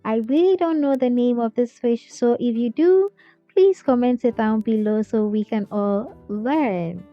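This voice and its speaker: A chatty woman talks viewers through a recipe in a fairly high voice. She keeps checking in with a friendly "okay?" as she goes. The sound is a bit dull, with faint music underneath. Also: measured pace. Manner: chatty, often ends with "okay?". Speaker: cooking channel host. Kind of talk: cooking tutorial voice-over.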